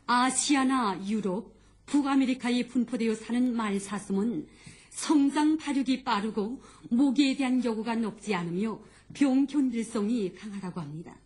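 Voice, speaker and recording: North korean accent news lady, slightly high voice, formal measured script reading. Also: a little mellow, slightly rough. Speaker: news announcer.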